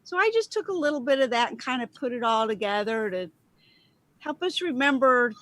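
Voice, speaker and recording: A woman's voice: a little high, animated, fairly quick, a bit bright. A woman with a West Texas twang, chatting casually and self-deprecatingly on a video call. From West Texas, United States. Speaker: video contributor and guest. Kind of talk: casual chat on an online video show.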